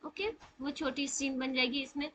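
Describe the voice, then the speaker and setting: A woman teaching a live online recitation class, patiently explaining and slowly sounding out letters as examples. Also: sits high, level tone, fairly bright tone, rough recording. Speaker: tajweed teacher.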